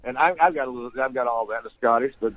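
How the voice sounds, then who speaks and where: A man's voice: medium pitch, rapid-fire, phone-quality sound. Casting: older Southern man, folksy rambling storyteller, easygoing chuckle, mid-range voice. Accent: Southern American. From Eastern Tennessee. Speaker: guest sportscaster. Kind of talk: storytelling interview.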